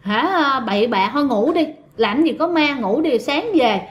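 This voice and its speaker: A woman's voice: sits high, expressive, measured pace, muffled recording. A woman voicing a stern country father who brushes off the boys' fear and tells them to sleep. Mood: dismissive. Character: stern rural father calming scared boys.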